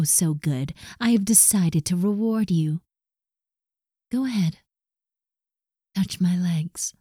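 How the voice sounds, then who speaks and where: A woman speaks in a slow, mellow, lowish voice, commanding and in control. She often slips into soft whispers close to the mic. The sound is dry and intimate. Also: breathy edge, no room sound. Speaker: audio roleplay performer. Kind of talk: scripted audio roleplay.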